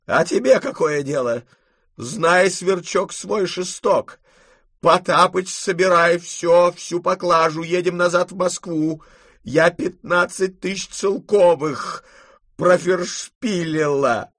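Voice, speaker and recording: An imperious old grandmother from an audiobook, shrieking high above a man's usual range and stretching her words out slowly as she scolds and orders everyone about, as a male narrator puts her on. The voice is loud and commanding, recorded dry and close with faint music behind. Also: no room sound, heavily acted. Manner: scolding, shouting, drawn-out words. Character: imperious, hot-tempered elderly grandmother. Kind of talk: audiobook reading.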